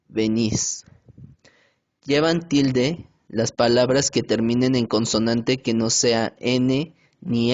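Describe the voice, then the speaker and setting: A man reads a grammar lesson aloud, slowly and with care, stumbling now and then. His pitch sits at an ordinary middle level. The recording is dull and lo-fi, made at home. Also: a little mellow. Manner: slow, careful reading with hesitations.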